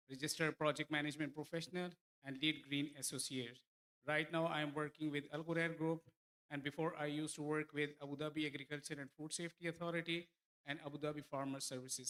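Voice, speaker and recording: A man's voice: on the high side, pushed and bright, poor audio. A male panelist giving a formal self-introduction, listing his credentials.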